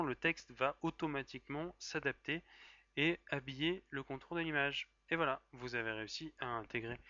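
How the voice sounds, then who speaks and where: A man with a French accent walks through a software task in a casual screen-recorded tutorial. His voice is bright and forward, and his delivery is chatty and joking, with plenty of fillers and self-corrections. The recording is dry and slightly dull, like a basic desk-mic voice-over. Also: medium pitch, no room sound.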